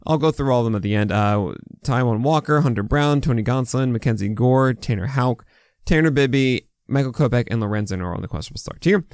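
A man's voice: medium pitch, fast, a little mellow, no echo, studio quality. An American man hosting a fantasy baseball podcast, talking with a swollen mouth in casual, opinionated, unscripted commentary full of asides.

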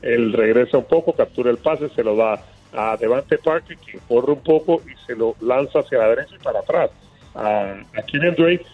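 Male analyst calling in, phone-line sound, husky voice, excitable storyteller. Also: mid-range voice, normal speed, soft background music. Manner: animated storyteller, frequent fillers and restarts. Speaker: team analyst, guest on phone.

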